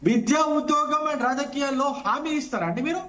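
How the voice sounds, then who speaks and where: A man with a Telangana accent arguing in a heated TV news debate, combative and rapid-fire, hammering the same accusations again and again. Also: very high-pitched, fairly bright tone, highs cut off. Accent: Telangana Telugu. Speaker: debate panelist.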